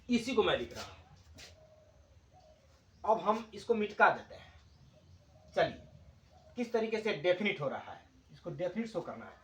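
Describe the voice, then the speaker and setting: A man teaching English grammar, explaining slowly in Hindi and repeating key words for his class. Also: high-pitched, echoey room.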